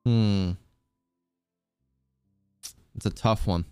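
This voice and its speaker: A man's voice: lowish voice, fairly even intonation, very slow, darkish tone, faint music behind. A man streaming a video game, chatting casually with viewers in a teasing, joking way and laughing often. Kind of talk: casual gaming stream chat.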